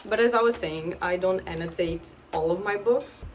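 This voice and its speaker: This woman in her twenties, a book vlogger and native Portuguese speaker, chats casually at home with pets nearby, rambling, slightly awkward, and quick to laugh. She speaks at a moderate pace in a lowish voice, with soft music playing behind her.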